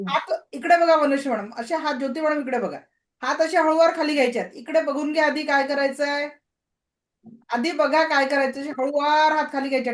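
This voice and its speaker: Over a video call, a high-pitched woman teaches an online reiki class. She gives calm, repetitive commands to guide the healing.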